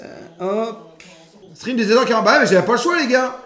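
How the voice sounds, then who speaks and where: A man's voice: extremely high pitch, lively intonation, brisk, pushed and bright, reverberant, soft background music. A man live-streaming while he cooks in his rented apartment kitchen, rambling with crude jokes and asides to his chat. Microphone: streaming setup with camera.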